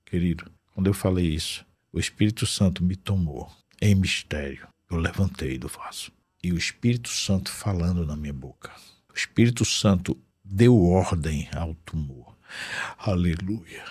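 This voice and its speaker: A man giving an emotional faith testimony in a studio, earnest, swinging between loud bursts and hushed low tones. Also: moderate pace, husky, no echo.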